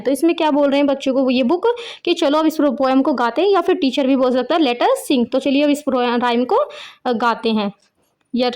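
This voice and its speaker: Teacher type: woman, high bright voice, patient explainer for small kids, keeps asking and answering her own questions. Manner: explains in Hindi mixed with English words, asks herself questions. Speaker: English teacher for young children. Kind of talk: explaining a children's rhyme.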